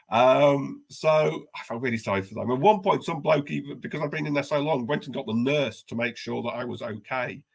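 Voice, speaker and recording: Gravelly, husky man telling a story. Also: on the high side. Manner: self-deprecating, wry, animated storytelling. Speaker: podcast co-host. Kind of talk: casual storytelling chat.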